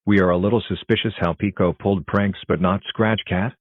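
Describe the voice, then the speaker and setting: A man's voice: low voice, fairly even intonation, fairly quick, dry recording, phone-quality sound. A synthetic-sounding man voicing a worried, suspicious cartoon father in a stiff, formal way. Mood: concerned, polite. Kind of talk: scripted cartoon dialogue.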